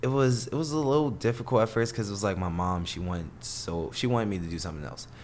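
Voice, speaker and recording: A man's voice: on the low side, fast talker, darkish tone, a little hiss or hum. A young man talking casually as a podcast guest, rambling with fillers and easy laughs. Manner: laid-back, rambling with many fillers and laughs. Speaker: guest, online video creator.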